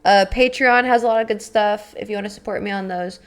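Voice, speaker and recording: With faint music playing behind her, a young woman talks casually to viewers on a live stream, rambling with plenty of fillers and swearing. Her raspy voice sits mid-range, with a steady tone and fairly quick pace.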